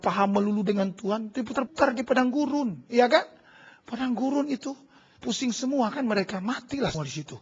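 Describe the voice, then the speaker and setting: High, husky-voiced preacher. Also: male voice, animated, a little fast, highs cut off. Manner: swings between shouted exhortation and hushed low prayer. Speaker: pastor. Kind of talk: charismatic sermon. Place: large church hall.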